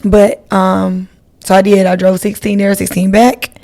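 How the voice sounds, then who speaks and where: A woman's voice: medium pitch, flat delivery, measured pace, darkish tone. A woman, hosting her podcast in a chatty, rambling style and talking straight to her listeners. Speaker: podcast host. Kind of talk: casual solo podcast chat.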